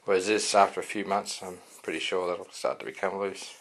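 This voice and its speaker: A man's voice: low-pitched, flat delivery, brisk. A man giving a casual, rambling product review with many fillers and restarts. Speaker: sword reviewer.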